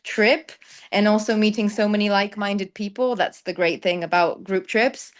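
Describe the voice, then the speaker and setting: Her medium-pitched voice stays steady and moves at normal speed as she, a young woman who grew up in the Netherlands, talks about her travel content work. It's a conversational interview, and her thoughtful replies come with frequent ums and light laughter.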